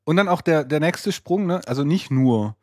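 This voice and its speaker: Man, podcast co-host, wry and joking, husky, slightly high voice, dry recording. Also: animated, normal speed, no room sound. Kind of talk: casual chat.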